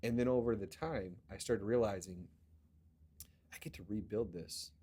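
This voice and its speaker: A middle-aged man hosting a podcast, telling a personal story in a casual, animated way and often quoting what others told him. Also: fairly low pitch, normal speed, husky. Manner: animated storyteller, quotes others in lively bursts. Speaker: podcast host and business owner.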